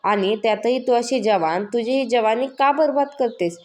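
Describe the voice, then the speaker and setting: A woman's voice: fairly high pitch, normal speed, darkish tone, natural voice. A woman voicing a scheming, lecherous male village moneylender in a spoken story, menacing and coaxing. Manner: menacing, coaxing then threatening.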